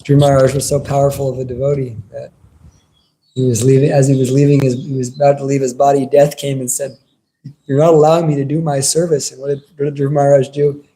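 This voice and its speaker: A man's voice: mid-range voice, completely flat delivery, fast talker, warm tone, slight background noise, rough recording. A man giving an informal devotional sermon as a religious teacher, conversational and earnest in his delivery.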